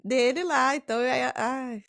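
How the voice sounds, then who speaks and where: A woman's voice: high voice, unhurried, gravelly, fairly bright tone. A woman host in casual conversation, giving short replies and follow-up questions.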